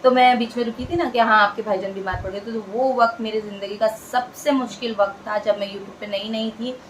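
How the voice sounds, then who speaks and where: A woman's voice: fairly high pitch, steady tone, fairly quick, a little hiss or hum, low-quality recording. A woman from India, talking casually to the camera as a vlogger, earnest and chatty, repeating phrases for emphasis.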